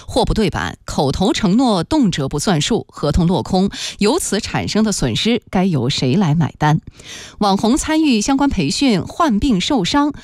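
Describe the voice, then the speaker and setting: A woman's voice: medium pitch, a little mellow, no room sound, clean studio sound. A woman hosting a radio programme, reading a scripted news introduction. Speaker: programme host.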